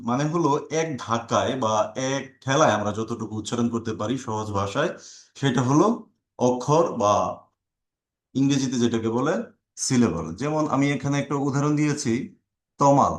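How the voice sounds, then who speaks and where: A man teaching a grammar lesson, slowly spelling out sounds and letters one by one as he explains. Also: medium pitch. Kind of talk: grammar lesson for exam preparation.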